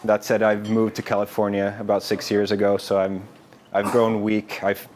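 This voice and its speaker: Finnish man giving a relaxed tech talk. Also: on the low side, moderate pace, slight background noise. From Finland. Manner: relaxed, informal, with frequent fillers and restarts. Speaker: developer advocate giving a meetup talk. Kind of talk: conference tech presentation. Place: meetup room with a live audience.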